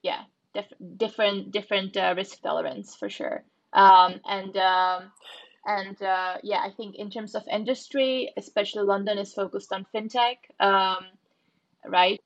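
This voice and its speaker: A startup founder from the Czech Republic is the guest in an interview, answering questions in a steady, mid-range voice and stopping on frequent fillers as she thinks. Her delivery stays fairly level, with little rise and fall, and the recording is dull and muffled, like lo-fi audio.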